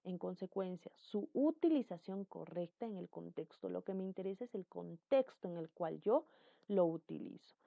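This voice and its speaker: A woman teaching a class in an animated way, her voice springing higher and louder to stress points and act out examples. The sound is narrow and tinny like a phone line, and the room is dry, with no echo. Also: normal speed, vocal fry. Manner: animated, jumps up in pitch and volume for emphasis, acts out examples. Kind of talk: explaining a grammar lesson.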